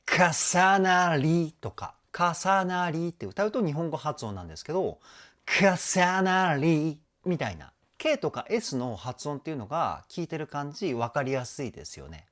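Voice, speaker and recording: A man's voice: mid-range voice, huge pitch swings, brisk, few pauses. A man working as a vocal trainer, reacting to a song and analyzing the singing in an enthusiastic, explanatory way.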